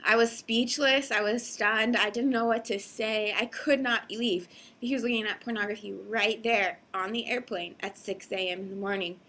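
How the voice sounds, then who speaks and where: A woman who directs an advocacy group gives an earnest, hesitant video statement, pausing often with fillers. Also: fairly high pitch, sharp tone.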